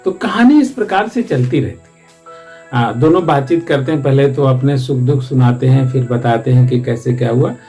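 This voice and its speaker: A man's voice: medium pitch, normal speed, dark tone, soft background music. A man, a teacher, explaining the story of a one-act play from a Hindi textbook in a loose, rambling way with frequent restarts.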